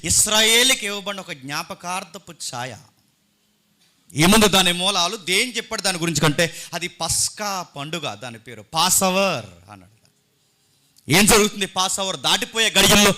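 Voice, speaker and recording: A man's voice: high-pitched, bright, forceful tone. A man preaching a sermon, emphatic and full of rhetorical questions, reading scripture aloud to his congregation. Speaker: pastor.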